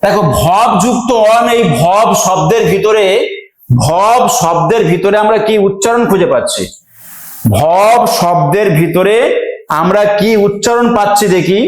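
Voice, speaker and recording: Male teacher, high voice, drilling exam grammar with slow repetition, heavy room echo. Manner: repeats key items slowly for memorizing. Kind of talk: exam-prep grammar lesson. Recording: very echoey room.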